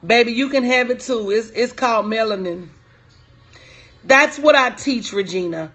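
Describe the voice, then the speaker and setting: A business coach in her forties chats with live-stream viewers, replying to their comments with casual, direct emphasis and plenty of repetition. She speaks at a moderate pace in a fairly high, slightly bright voice.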